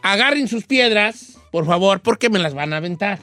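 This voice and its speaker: A man playing a cheeky old Mexican radio host with a high, reedy old-man voice, teasing and rambling in a comedic talk show. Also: animated, normal speed, sharp tone, no room sound, soft background music. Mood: joking. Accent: Mexican Spanish. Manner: teasing, rambling, chuckles often.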